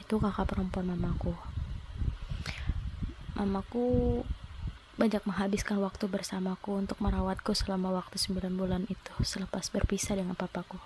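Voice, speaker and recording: Soft-spoken young woman telling her story. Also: mid-range voice, level tone, brisk, pauses often, noisy background. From South Sumatra, Indonesia. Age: 20s. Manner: soft, reflective, slightly hesitant. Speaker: vlogger. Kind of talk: personal storytelling monologue.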